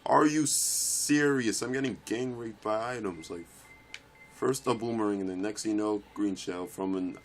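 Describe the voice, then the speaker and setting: A young man commentating his own kart racing gameplay, swearing and yelling in frustration at the game. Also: lowish voice, steady tone, normal speed, slight background noise. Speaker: let's play gamer.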